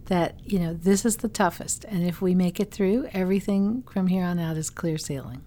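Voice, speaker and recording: A woman's voice: on the low side, moderate pace, dark tone. A woman co-hosting a podcast, chatting casually and teasing her partner as she explains design ideas. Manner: chatty, laughs easily, teasing. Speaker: podcast co-host. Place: home in Wisconsin.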